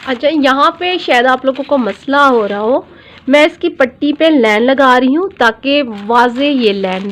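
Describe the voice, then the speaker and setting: A woman dress designer giving a patient step-by-step sewing tutorial, repeating each measurement and often checking in with her viewers. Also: sits high. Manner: often checks in with "theek hai". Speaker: dress designer teaching pattern drafting.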